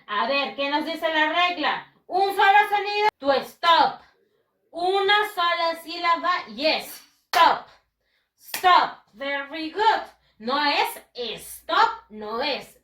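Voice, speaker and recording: Woman, teacher for kids, bright and deliberate, roomy sound. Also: high-pitched, distant mic. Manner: patient, repeats words slowly and switches between English and Spanish. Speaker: English teacher. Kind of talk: recorded online class for children.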